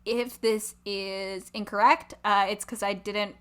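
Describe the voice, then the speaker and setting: Young woman podcast co-host, bright voice, chatty and animated, casual talk. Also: medium pitch, slow, clear, resonant tone. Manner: chatty, lots of "like", animated asides. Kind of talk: casual chat.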